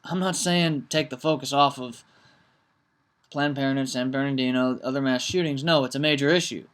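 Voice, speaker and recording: A man's voice: medium pitch, steady tone, normal speed, a bit bright, smooth. A man talking casually to camera in a vlog, earnest and reflective, with many ums and restarts. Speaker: vlogger.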